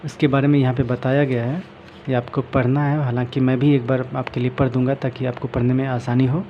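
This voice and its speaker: A man teaching English vocabulary, explaining a book and reading passages slowly aloud. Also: mid-range voice, little pitch movement, muffled recording, slight background noise. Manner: mixes English and Hindi, reads English slowly aloud.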